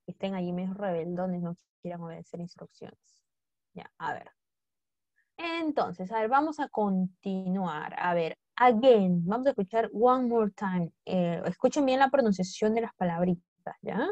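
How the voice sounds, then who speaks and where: A woman's voice: medium pitch, lively intonation, measured pace, a little mellow, no room sound, lo-fi sound. A woman teaching an English lesson, coaxing students with constant questions and repetition. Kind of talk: classroom lesson explanation.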